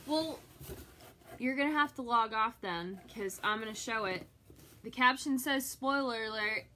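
An enthusiastic middle-aged vlogger opens and reviews a subscription box while chatting live with viewers and reacting aloud. Her voice is a little high, bright, and forceful, and she talks a little slowly. The audio carries a little hiss or hum.

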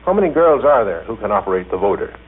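A man's voice: on the low side, very animated, quick pace, slight background noise. A man asking questions in a formal, scripted 1930s radio interview. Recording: tinny, band-limited 1930s radio recording.

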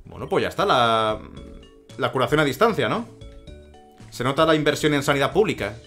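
A man's voice: mid-range voice, sing-song, brisk, fairly bright tone, soft background music. Sarcastic Spanish man ranting over a game. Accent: Spain Spanish. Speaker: let's play commentator. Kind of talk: gameplay commentary.

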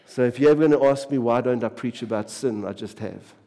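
Mellow-voiced male pastor from South Africa, emphatic and repetitive, sermon in a reverberant church. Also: medium pitch, a little fast. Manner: repetitive, emphatic, drops to a hush on key phrases. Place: church sanctuary.

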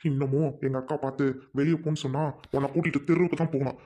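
Guy doing a hot-headed little brother, talks fast, darkish voice, begging his sister. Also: a little high, steady tone, dark tone, lightly acted. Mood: pleading. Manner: urgent, pleading. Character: devoted hot-tempered younger brother.

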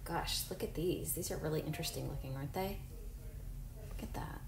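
Her voice sits low and gravelly, and she talks fairly quickly with a crowd audible behind her. She's a woman in her forties, a teacher encouragingly reading a picture book to young children, tossing in chatty asides and quizzing the unseen kids. The sound is echoey and roomy, with faint background noise.

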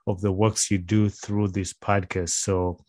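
A Ugandan-accented man hosts a podcast from a small indoor home studio, interviewing in a casual, conversational style. He speaks close to a boom-arm microphone in a low, level, unhurried voice with a darkish tone.

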